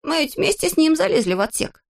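A woman voicing an excitable, boastful boyish little shorty in a storybook reading, eager and exclaiming. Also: sits high, quick pace, vocal fry, voice pushed up, heavily acted. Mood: excited. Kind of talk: storybook character voice.

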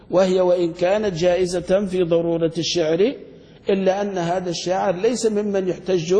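A man teaching a grammar class as a sheikh, firing quick questions at his students and restarting words as he searches for them. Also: high voice, warm tone. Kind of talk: classroom lecture. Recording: long hall reverb.

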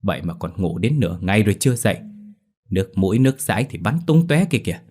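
A man voicing a sharp-tongued village mother who nags her daughter in a shrill, scolding tirade. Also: animated, fast.

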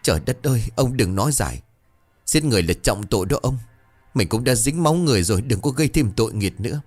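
A fearful, tearful village mother pleading in a trembling voice, played by a male narrator. The voice sits higher than his own and wavers a lot, with faint music underneath. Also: sing-song, moderate pace, natural voice. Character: frightened, tearful middle-aged village mother.

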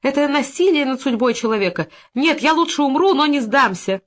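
A woman reading an audiobook, voicing a shrill, indignant woman neighbor who shrieks for help. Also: sing-song, moderate pace, fairly bright tone. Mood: shrieking, hysterical. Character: shrill, hysterical middle-aged woman neighbor.

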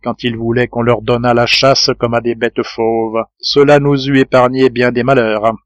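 A man's voice: medium pitch, level tone, moderate pace, dry recording, muffled recording, lightly acted. A man voicing a resolute middle-aged engineer in an audiobook, speaking firmly and earnestly. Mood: grave.

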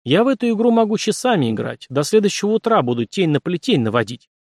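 A man voicing a quick-tempered, cheeky young man with sharp, teasing retorts. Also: high voice, very animated, no echo, clean studio sound, voice pushed up, exaggerated voice. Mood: cocky.

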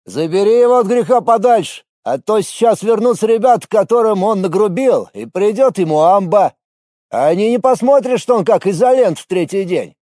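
A man voicing a blunt bartender who speaks loudly and plainly. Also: sits high, lively intonation, normal speed, no room sound, clean studio sound, pitched above the performer's own voice. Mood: brusque. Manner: loud, brusque. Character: blunt male bartender, loud and plain-spoken.

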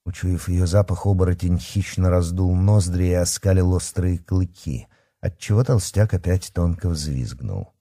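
A man reading a dark fantasy story aloud with expressive, dramatic narration. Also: deep voice, moderate pace, no room sound, studio quality. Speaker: audiobook narrator.

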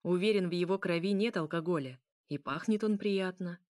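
A composed male vampire who keeps his voice calm and lets a light mockery show, read by a woman voicing him. The voice sits low and even. It sounds close, with a dry room. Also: a little fast, no room sound, lightly acted. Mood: teasing. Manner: calm, cool, gently mocking.

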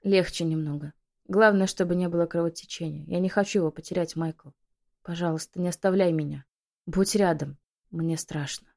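A woman's voice: on the low side, fairly even intonation, normal speed, creaky. Woman voicing Klaudia, a frantic young witch. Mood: frightened. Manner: frantic pleading, raised loud voice. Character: desperate pregnant young witch, frantic and tearful.

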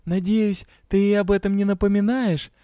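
A man voicing a quick-tempered, indignant young woman in an audiobook, with a sharp, exasperated delivery. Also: sits high, flat delivery, smooth, no echo, studio quality, voice pushed up, close to an everyday voice.

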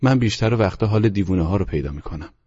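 A man's voice: lowish voice, animated, mellow, breathy edge, highs cut off, pitched above the performer's own voice. A man voicing a fretful, resentful young housemaid in an audiobook, complaining and agitated. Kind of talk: audiobook character reading.

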